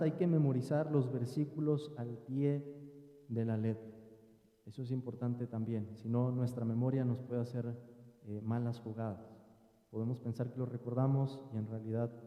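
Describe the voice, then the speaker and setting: A man preaching a sermon in an earnest, teaching tone, his voice at a middle pitch. He speaks from a church sanctuary with a long reverb. The sound is slightly dull and muffled. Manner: earnest teaching tone, addresses listeners as brothers. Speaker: pastor.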